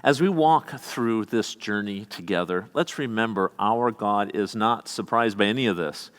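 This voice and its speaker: A Midwestern American man preaches in a church sanctuary, his low voice carrying a long, lingering reverb. He reads scripture and breaks off into folksy, conversational asides to his congregation. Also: moderate pace, a bit bright. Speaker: pastor. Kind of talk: sermon.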